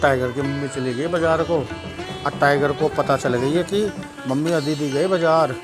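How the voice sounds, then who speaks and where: A man's voice: on the high side, moderate pace, over music. A man chatting casually at home, narrating his pet dog's antics and talking fondly to the dog.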